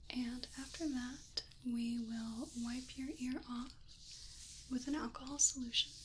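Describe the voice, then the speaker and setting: A woman performs a whispered role-play as a gentle clinician. Her whisper is soft and breathy, delivered very slowly and reassuringly. Clear background noise sits behind the close-miked voice. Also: a little high, little pitch movement, low-quality recording. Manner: gentle, unhurried, reassuring explaining. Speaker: ASMR performer playing an ear-exam clinician.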